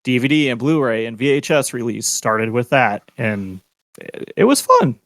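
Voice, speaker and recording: A man's voice: mid-range voice, sing-song, normal speed, fairly bright tone. A man talks wryly on a fan podcast panel and laughs easily. His voice sounds dry and close, with no room echo. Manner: wry, laughing. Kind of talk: casual chat.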